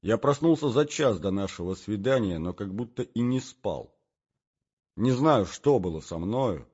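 Man narrator, low husky voice, lively melodic delivery, dull recording. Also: measured pace. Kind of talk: literary audiobook reading.

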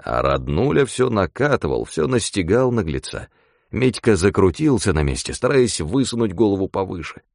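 A man reading a story aloud in a wry, animated way. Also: low-pitched, normal speed, no room sound, clean studio sound.

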